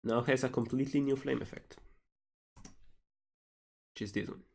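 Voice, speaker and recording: A man's voice: mid-range voice, steady tone, normal speed, vocal fry, darkish tone. A man from Slovenia, a game developer casually reading out and answering questions on a livestream.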